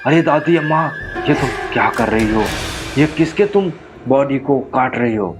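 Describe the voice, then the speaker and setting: A man's voice: on the low side, brisk, music in the background, natural voice. A man doing an impatient young friend. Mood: panicked.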